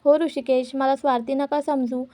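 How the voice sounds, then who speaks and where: A woman's voice: high voice, fairly even intonation, normal speed, warm tone, natural voice. Woman reading as a firm, devoted young wife. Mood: firm pleading. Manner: firm and earnest.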